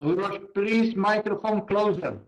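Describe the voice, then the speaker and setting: A man's voice: sits high, a little slow, rough recording. A man, a professor, moderating an online seminar, brief and directive. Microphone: video call.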